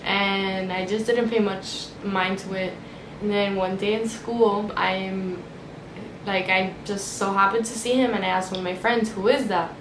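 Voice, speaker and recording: A woman's voice: medium pitch, fairly even intonation, measured pace. A woman of twenty from Miami, chatting casually with viewers as a vlogger, filling her talk with "like". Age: 20s. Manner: chatty, uses "like" a lot. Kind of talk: casual chat to camera. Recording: echoey room with background noise.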